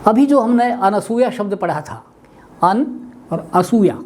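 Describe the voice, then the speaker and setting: An older man from India giving a weekly webinar lesson on language, speaking deliberately and spelling out words. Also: high-pitched, expressive, a little mellow, slight background noise. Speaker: Hindi language teacher. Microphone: webinar computer mic.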